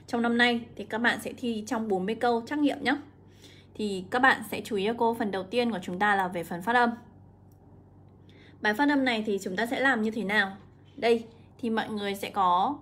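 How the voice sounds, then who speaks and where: A young woman, an English teacher walking students through an exam, drawing out example words slowly. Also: mid-range voice. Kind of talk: exam walkthrough lesson.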